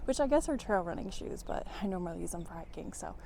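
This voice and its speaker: A woman's voice: on the low side, lively intonation, quick pace, gravelly, dark tone. A woman talking casually and chattily to her vlog viewers, in a giggly, self-talking way. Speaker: vlogger. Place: outdoors on a trail. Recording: noisy outdoor ambience.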